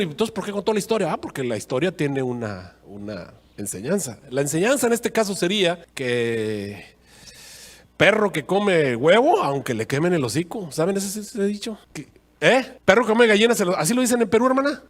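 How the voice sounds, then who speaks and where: A man's voice: on the high side, fairly bright tone. A man with a Mexican accent preaching a sermon as a pastor, in a folksy, joking, conversational way.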